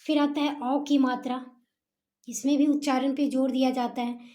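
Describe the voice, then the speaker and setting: A high-pitched woman teaches a lesson in an explanatory way. Her tone is mellow and soft-edged. She stretches the syllables out slowly as she sounds them and keeps checking in with the listener. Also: level tone. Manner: slow, drawn-out sounding of syllables; repeats okay and checks in with listener.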